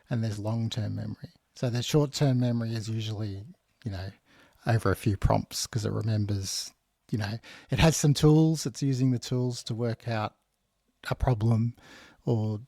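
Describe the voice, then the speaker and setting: A man's voice: on the low side, darkish tone, no echo. A man co-hosting a podcast, explaining technical ideas casually and step by step, thinking aloud. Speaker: podcast co-host.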